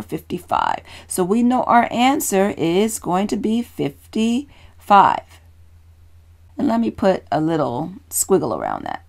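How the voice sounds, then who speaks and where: A woman teacher patiently explaining a children's math lesson, encouraging and repeating steps. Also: medium pitch.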